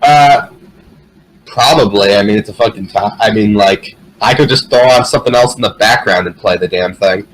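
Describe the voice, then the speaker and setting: A man's voice: on the low side, moderate pace, slight background noise, rough recording. A man chatting casually as a podcast co-host, in a rambling, sweary way. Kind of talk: casual chat about games and anime.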